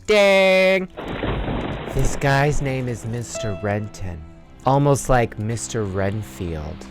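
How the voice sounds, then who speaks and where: A man giving casual horror game commentary as a streamer, excitable and full of teasing jokes. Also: lowish voice, takes it slowly, over music.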